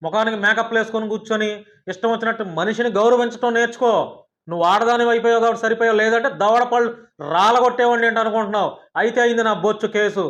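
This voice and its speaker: Heated male ranter, very high voice, firing off questions at speed. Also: level tone, a bit bright, lo-fi sound. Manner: combative, heated, rapid-fire rhetorical questions. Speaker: journalist and YouTuber. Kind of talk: angry rant at a critic.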